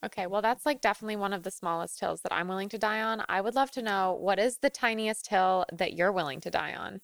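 A woman hosting a podcast in casual, expressive chat, swearing and laughing often. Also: mid-range voice, fast, gravelly, no room sound, clean studio sound. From lives in New York. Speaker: podcast host.

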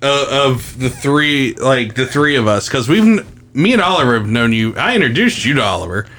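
A man's voice: medium pitch, lively intonation, normal speed, fairly bright tone, a little hiss or hum. A man hosting a casual podcast, bantering and swearing freely. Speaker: podcast host.

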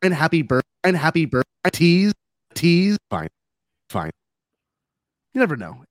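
A man's voice: fairly high pitch, sing-song, studio quality. A man calling into a show over a video call, his audio glitching, skipping and echoing so his words break up and repeat. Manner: halting, broken-up speech with repeated words. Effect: glitching video-call audio that cuts out, skips and echoes. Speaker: guest calling in.

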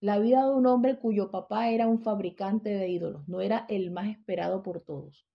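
A woman teaches scripture in a relaxed, conversational way, pausing to check that her listeners follow and often restarting her sentences. Her voice has a gravelly fry to it, and the recording sounds dull and lo-fi. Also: medium pitch. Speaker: Bible teacher.

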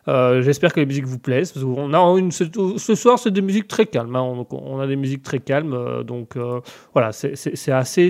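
A man's voice: a little high, a little mellow. Playful, rambling male radio host. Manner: playful, rambling, self-mocking. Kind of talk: casual live radio chat.

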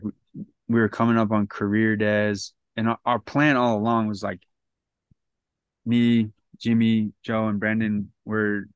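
A man's voice: fairly low pitch, smooth, dry recording, lo-fi sound. A man in his thirties, a podcast guest, telling his story in a casual, rambling way with lots of restarts. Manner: rambling, many restarts and "like" fillers.

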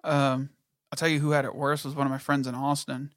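A man's voice: medium pitch, flat delivery, fairly quick, a bit bright, dry recording, clean studio sound. A man in casual chat, telling a long story with heavy swearing and quoted back-and-forth. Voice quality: profane, storytelling with quoted voices.

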